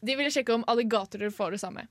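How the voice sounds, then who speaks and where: A woman's voice: fairly high pitch, no room sound. Female radio co-host, giggly and rambling, dry studio sound. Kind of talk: casual radio chat.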